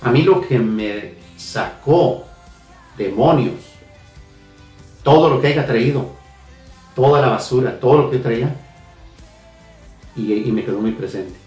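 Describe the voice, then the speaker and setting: A man's voice: mid-range voice, unhurried, long pauses, a little mellow. A man earnestly telling a personal faith testimony on a radio talk show, with hesitations and repeated phrases. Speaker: guest giving testimony. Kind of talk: emotional spoken testimony. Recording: echoey room, heard from a distance, faint music.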